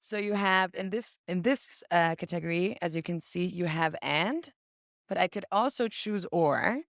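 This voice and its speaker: A woman with a lower voice speaks a little slowly in a clean studio recording free of room sound. She is a guest demonstrating a casting website over a video call. Her talk is casual and chatty, and she acts out an example search while explaining.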